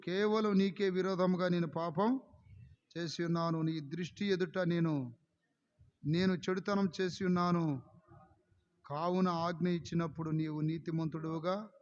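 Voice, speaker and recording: A man preaching a sermon as pastor, with impassioned delivery that swings suddenly in loudness and pace. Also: high voice. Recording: dull lo-fi sound with long hall reverb.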